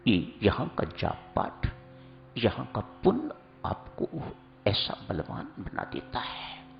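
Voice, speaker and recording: Male preacher, unhurried and teaching, pitch rising and falling widely. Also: huge pitch swings, gravelly, muffled recording, faint music behind. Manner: slow, instructive, addresses listeners as seekers. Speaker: spiritual preacher. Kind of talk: sermon.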